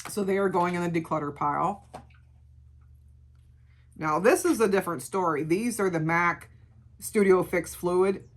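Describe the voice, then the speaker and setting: Middle-aged woman, gravelly voice, slightly low pitch, casual beauty review, chatty, emphatic repetition. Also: a little hiss or hum. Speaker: beauty vlogger. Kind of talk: casual product review chat.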